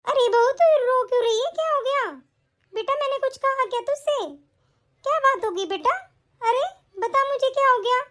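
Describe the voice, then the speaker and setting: A woman voicing a caring middle-aged mother-in-law in an animated family story, scolding affectionately and giving brisk instructions. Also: very high voice. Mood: doting.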